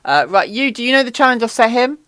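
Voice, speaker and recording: Playful male co-host, sharp bright voice, teasing and theatrical. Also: extremely high pitch, expressive, fast, dry recording. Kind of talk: casual podcast banter. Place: studio.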